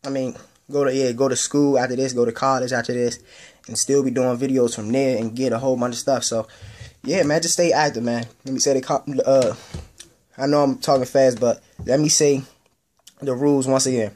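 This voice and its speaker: A man's voice: medium pitch, little pitch movement, brisk, dark tone. A young man hosting his own gaming channel, giving a rambling casual update in loose slangy speech that repeats itself. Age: young adult.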